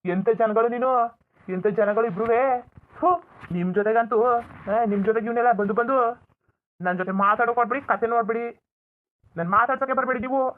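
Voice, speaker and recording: A voice actor playing an angry young man who scolds his family in a village cartoon, shouting and bitter. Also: mid-range voice, moderate pace, long pauses, close to an everyday voice. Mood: furious scolding. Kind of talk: Kannada village cartoon dub. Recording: tinny phone-like audio.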